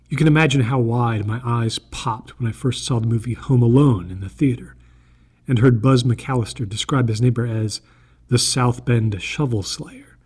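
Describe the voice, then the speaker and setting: This slightly husky man has a mid-range, somewhat mellow voice as he reads a scripted first-person horror story in an earnest, deliberate way.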